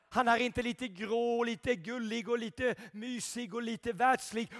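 A man preaching an impassioned revival sermon, shouting at peaks and dropping to quiet intensity. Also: extremely high pitch, long reverb tail.

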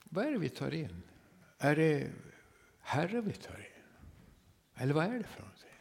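A man preaching a sermon to his congregation, swinging from loud, emphatic passages to hushed near-whispers and tagging rhetorical questions with a quick "va?". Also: fairly high pitch, huge pitch swings, vocal fry. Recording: long reverb of a church hall.

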